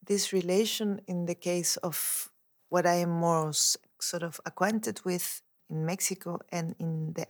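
A woman talks in an unhurried, reflective way, pausing to find her words. Her voice sits a little low and carries a gravelly fry. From Chile. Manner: thoughtful, searching for words. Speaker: dance artist. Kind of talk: reflective interview monologue.

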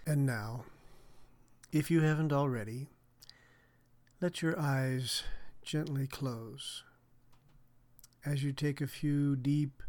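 A man speaking as a hypnotherapist on a podcast, measured and soothing in his delivery. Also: medium pitch, a little mellow. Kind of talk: guided hypnotic relaxation and explanation.

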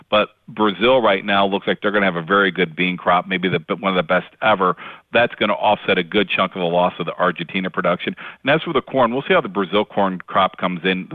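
Low-voiced man on a phone line. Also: no room sound. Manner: conversational, with fillers and quick restarts. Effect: heard over the phone. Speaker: grain market analyst. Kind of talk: phone interview market commentary. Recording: tinny dry phone line.

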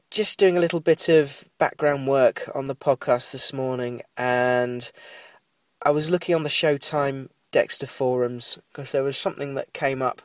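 A man in his thirties with a cold hosts a casual TV recap podcast, his mid-range voice nasal and congested on a recording with no room sound. He rambles and digresses, dropping in apologetic asides along the way.

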